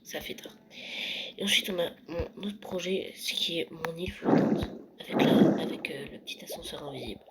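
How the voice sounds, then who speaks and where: A young vlogger touring a Minecraft world late at night, often whispering and speaking softly. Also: medium pitch, a little fast, few pauses, poor audio. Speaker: gaming vlogger. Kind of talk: casual Minecraft world tour. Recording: loud background noise.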